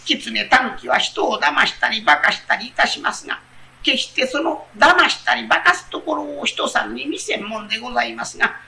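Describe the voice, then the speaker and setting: A man's voice: extremely high pitch, expressive, normal speed, vocal fry, pushed and bright, far from the mic, full character voice. A man with a Kansai accent voicing a cunning fox that begs politely for its life, humble and fawning.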